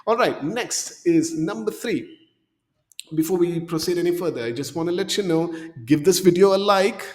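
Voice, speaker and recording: A man's voice: sits high, normal speed, darkish tone, long reverb tail. A man in his thirties giving an upbeat screen-share tutorial as a career coach, coaxing viewers along with a frequent "okay?", speaking into a desk mic in a small room. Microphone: desk mic in frame.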